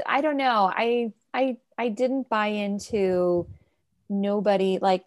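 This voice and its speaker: A woman co-hosting a casual movie podcast, rambling with halting restarts and bursts of excitement. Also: mid-range voice. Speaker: podcast co-host. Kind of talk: casual chat about a movie.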